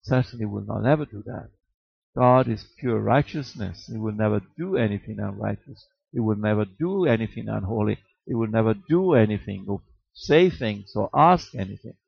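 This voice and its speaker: A man's voice: lowish voice, animated, normal speed, vocal fry, breathy edge, dry recording. A man preaching a sermon, rhetorical and emphatic, repeating words and chuckling at his own jokes. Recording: dull, slightly muffled dry recording.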